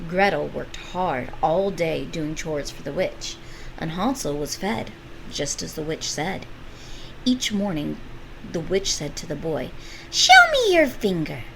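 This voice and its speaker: A woman reading a children's storybook aloud with expressive, animated delivery. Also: low voice, unhurried, creaky, noisy background.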